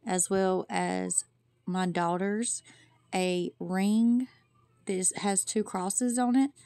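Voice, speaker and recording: Recorded dry with studio quality, her mid-range, slightly mellow voice belongs to a female vlogger. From her kitchen and living room at home, she reviews products and talks to viewers in a folksy, chatty way, addressing them as y'all.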